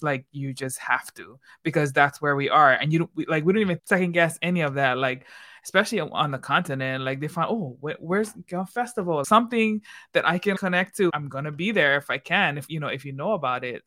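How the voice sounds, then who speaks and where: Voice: medium pitch, a bit bright. A podcast host talking casually and loosely with a guest, using plenty of fillers and laughing easily.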